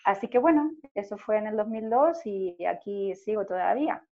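A woman, reflectively telling her life story in an interview, often pausing with "eh". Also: medium pitch, animated. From Argentina. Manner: reflective, frequent "eh" hesitations. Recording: dull lo-fi recording.

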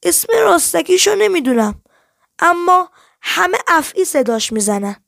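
A woman's voice: extremely high pitch, very animated, vocal fry, no room sound, clean studio sound, voice pushed up, exaggerated voice. A woman reading as an evasive young girl thief. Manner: evasive, quiet and reluctant.

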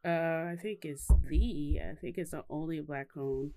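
A woman with a deep, warm voice speaks at a measured pace while co-hosting a podcast from her home in Texas. The chat is casual, and she rambles and giggles often.

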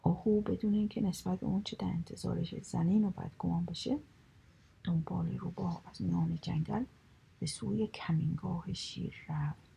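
Woman, hushed whispered storybook narration, gravelly and breathy. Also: lowish voice, fairly even intonation, rough recording.

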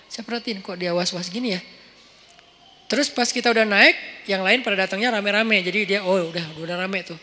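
A man preaching in a casual, storytelling way with a light touch, acting out dialogue with lively shifts of voice in a large mosque hall. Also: high voice, fairly quick, a little hiss or hum. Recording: long hall reverb.

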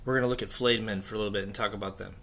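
A man hosting a casual, unscripted solo hobby chat, thinking aloud haltingly in an echoey, stripped-out bunker room. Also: lowish voice, steady tone, vocal fry, fairly bright tone. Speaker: podcast host. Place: echoey indoor room under renovation, torn-out walls.

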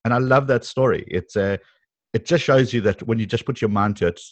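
An enthusiastic man with a South African accent hosts an interview, his delivery upbeat and quick to laugh. The sound is close and dry, with no room echo around him. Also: mid-range voice. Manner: energetic, enthusiastic, laughs often. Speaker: podcast host.

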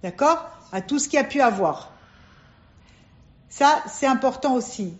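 Woman teacher, high voice, emphatic, poses and answers questions, lo-fi recording. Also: lively intonation, unhurried, slight background noise. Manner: emphatic, asks and answers her own questions. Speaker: religious teacher. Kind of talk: teaching a class to women. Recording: dull lo-fi recording.

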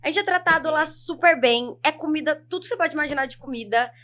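A woman's voice: high-pitched, a bit bright, a little hiss or hum. A young woman chatting casually as a podcast guest, telling stories in a chatty, rambling way with lots of fillers. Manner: chatty, quick, storytelling with many fillers. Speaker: podcast guest, reality show contestant. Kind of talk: casual interview chat.

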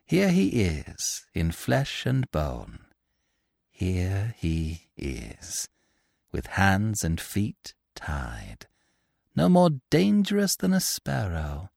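A man's voice: deep voice, wildly swooping pitch, very slow, vocal fry, a little mellow, no echo, studio quality, exaggerated voice. A man reading aloud as a vengeful, scheming widow who gloats over her captive and stresses every syllable. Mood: triumphant.

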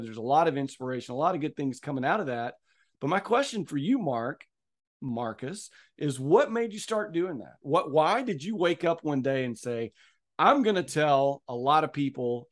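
A man's voice: fairly high pitch, expressive, moderate pace. A middle-aged man hosting a podcast in casual, joking chat with a longtime friend. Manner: joking, chatty, repeats phrases. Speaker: podcast host.

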